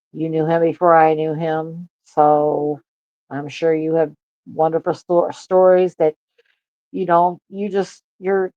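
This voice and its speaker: A guest on an online call with a bad connection, giving a halting, casual tribute full of restarts and fillers. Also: medium pitch, dry recording. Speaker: guest on a memorial podcast. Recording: dull lo-fi call line, dry.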